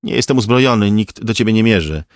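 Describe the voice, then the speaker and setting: A man voicing a male police officer who talks a hostage-taker down in a steady, soothing way. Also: fairly low pitch, quick pace, no room sound, studio quality. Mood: calm.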